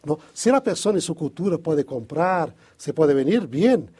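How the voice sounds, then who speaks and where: Husky man with a tinged Spanish. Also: a little high, expressive, normal speed, a little mellow. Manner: hesitant, restarts often, thinks aloud. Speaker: Bible study co-host. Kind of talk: casual religious discussion.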